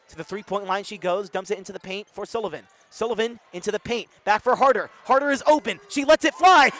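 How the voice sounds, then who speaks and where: A young male student sportscaster with a fairly high voice calls basketball play-by-play. His calls are brisk and build to excited shouts when a shot drops. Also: slight background noise. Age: young adult. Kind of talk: sideline interview and play-by-play commentary.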